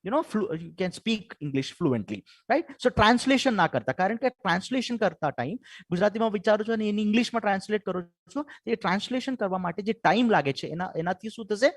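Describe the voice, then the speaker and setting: A man's voice: sits high, lively intonation, fairly quick, dry recording, clean studio sound. A man with a Gujarati accent giving a webinar lecture on improving English, mixing Gujarati and English and asking "right?" after almost every point. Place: home or office for an online webinar.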